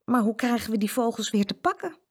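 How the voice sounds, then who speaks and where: A woman voicing a frightened elderly great-grandmother in a storybook reading, crying out high and quavering. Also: expressive, fast talker, husky. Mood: gentle. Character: frightened old great-grandmother in a care home.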